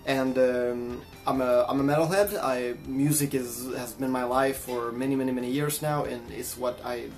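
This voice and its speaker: A man's voice: mid-range voice, fairly even intonation, moderate pace, soft background music. A man from Sweden, telling a personal story in a casual, reflective vlog. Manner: reflective, chatty. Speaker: vlogger and guitarist.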